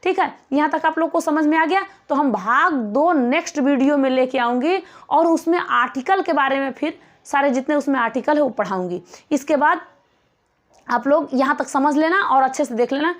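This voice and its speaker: A woman coaching teacher giving a classroom lecture, asking rhetorical questions and repeating points slowly. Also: sits high.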